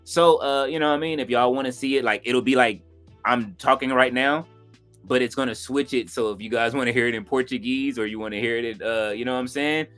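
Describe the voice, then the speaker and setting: A man hosting a live watch-along stream, chatting loosely with viewers and leaning on fillers like "you know what I'm saying," with sudden excited outbursts. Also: mid-range voice, brisk, faint music behind. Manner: bursts of excited reaction. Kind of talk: casual live-stream chat, reading viewer comments.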